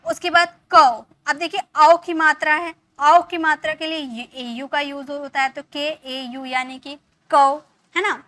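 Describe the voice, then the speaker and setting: A woman's voice: sits high, flat delivery, a little slow, a bit bright, no room sound. A woman teaching an English spelling lesson, explaining patiently, repeating herself and asking many rhetorical questions. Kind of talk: classroom lesson.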